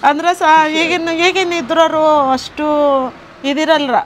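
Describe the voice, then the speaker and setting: A woman's voice: very high-pitched, a little slow, crowd noise. A middle-aged woman, a restaurant co-owner chatting and chiming in during an interview. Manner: chatty, chiming in over others. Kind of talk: casual interview chat. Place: small roadside restaurant.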